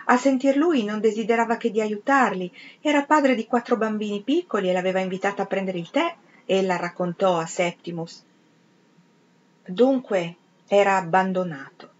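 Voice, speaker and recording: A woman reads a literary novel aloud with a measured, expressive delivery. The recording is slightly muffled. A faint hiss sits in the background. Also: mid-range voice. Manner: measured, expressive dramatic reading. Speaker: reader of literature. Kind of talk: literary audiobook reading.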